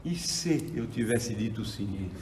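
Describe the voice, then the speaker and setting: Slow and lowish in pitch, the voice belongs to an Argentine man in his sixties giving a theology lecture in an echoey hall. He tells stories in a spirited, preacherly way. The recording is distant, with noise in the background.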